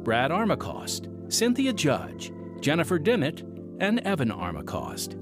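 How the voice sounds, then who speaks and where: As a radio show host and announcer, an American man reads scripted ministry narration with music behind him. His phrasing is earnest and measured, and his pitch moves expressively throughout.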